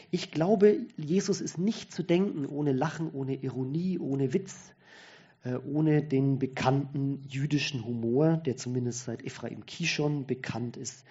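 A man's voice: mid-range voice, mellow, breathy edge, lo-fi sound. A man giving a conversational sermon-style talk, thinking aloud with restarts.

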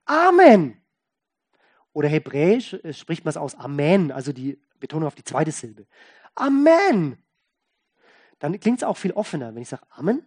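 A pastor preaches a sermon in a folksy, conversational tone, stressing and repeating key words. His medium-pitched voice has a breathy edge and keeps shifting between loud emphasis and soft asides.

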